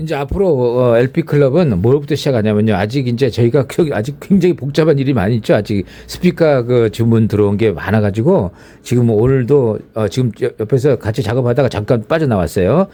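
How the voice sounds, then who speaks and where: A man's voice: mid-range voice, a little fast, few pauses, warm tone. A man hosting an audio channel, talking casually and enthusiastically about records and sound quality. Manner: enthusiastic, emphatic.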